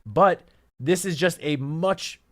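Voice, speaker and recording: Speaking slowly in a fairly high-pitched voice, a male sports radio co-host builds a careful argument out of statistics. His sports analysis is stat-heavy and analytical throughout.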